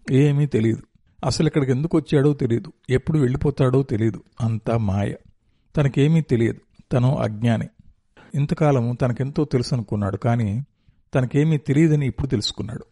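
A man narrates a tense story in a dark, mellow voice, reading it aloud with intensity and measured pauses. The sound is dry and close, with no room around him. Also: medium pitch, husky, no echo.

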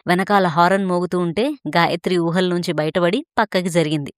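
A woman narrates a story in a steady, expressive reading voice. Her pitch sits on the low side and the sound is dry and close, with no room around it. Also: brisk, no echo.

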